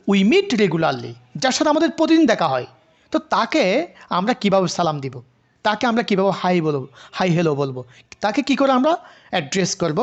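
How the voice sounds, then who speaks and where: Lively teacher on a video call. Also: mid-range voice, dull audio. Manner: reads English definitions slowly, then explains in Bengali; asks the class questions and answers them. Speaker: English teacher. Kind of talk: online class lecture.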